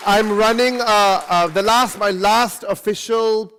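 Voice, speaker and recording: A man speaking at a convention panel, answering audience questions in an animated, casual way and often adding tag questions. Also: sits high, unhurried, some chatter behind, a little hiss or hum. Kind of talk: casual Q&A talk. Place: convention hall.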